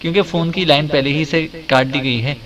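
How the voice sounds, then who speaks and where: A man's voice: on the high side, steady tone, a little fast, a bit bright, lightly acted. A man reading as a bossy wisecracking detective. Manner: bossy, threatening. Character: domineering wisecracking male detective.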